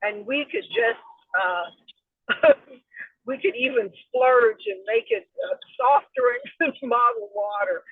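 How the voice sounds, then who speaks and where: A woman's voice: a little high, sing-song, slow pace, breathy edge, no room sound. A woman calling into a meeting from her car, her phone connection breaking up as she talks hesitantly with many fillers and restarts. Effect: choppy cell phone connection breaking up. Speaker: meeting participant on a call. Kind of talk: casual group meeting discussion. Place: in a car while driving. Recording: tinny breaking-up phone line.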